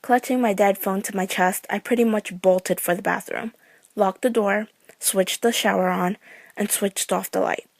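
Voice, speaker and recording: Woman narrator for a true scary story: mid-pitched, dry close recording, steady suspense. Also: moderate pace, creaky, no echo.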